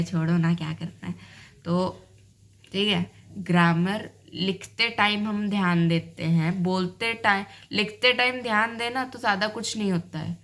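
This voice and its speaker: A woman's voice: medium pitch, fairly bright tone. A young woman teaching learners in a chatty, casual way, often checking in with the listener. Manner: chatty, repeats "ठीक है" often. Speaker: English-learning tutor. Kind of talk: casual lesson talk.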